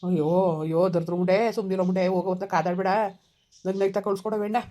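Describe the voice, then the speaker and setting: Woman as village father: weary, exasperated, quick talker. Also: fairly low pitch, fairly even intonation, warm tone, close to an everyday voice.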